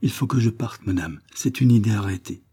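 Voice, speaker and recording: A man with a husky voice voicing a frail, grieving woman governess who speaks wearily, sometimes near a whisper. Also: fairly low pitch, brisk, dark tone. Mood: sorrowful. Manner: weary, sad, sometimes whispered. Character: sorrowful frail woman governess hiding her past.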